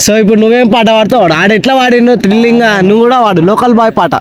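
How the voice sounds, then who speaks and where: High quick-talking young man host, crowd behind. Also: steady tone. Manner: coaxing, teasing, repeats words rapidly. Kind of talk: casual comedy prank chat.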